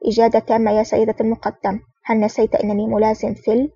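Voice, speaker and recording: Woman reading eager young female agent, earnest, quick, slightly high, muffled distant recording. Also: monotone, warm tone, slightly rough, dry recording. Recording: dull, distant, dry recording.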